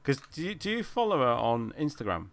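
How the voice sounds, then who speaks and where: Lively laughing man, video call. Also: medium pitch, a little fast, creaky. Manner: laughing, swearing, animated. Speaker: live stream host. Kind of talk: casual chat.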